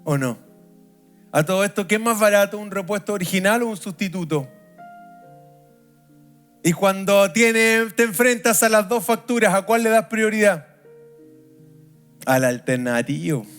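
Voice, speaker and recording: High-voiced Chilean pastor preaching. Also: male voice, expressive, a bit bright, soft background music. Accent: Chilean Spanish. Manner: drawn-out, sing-song preaching with chatty asides to the congregation. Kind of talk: sermon. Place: church.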